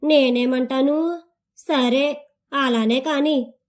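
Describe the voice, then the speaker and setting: A woman's voice: sits high, fairly even intonation, very slow. A woman voicing a greedy, self-pitying middle-aged woman with a whiny manner. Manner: whiny, grasping.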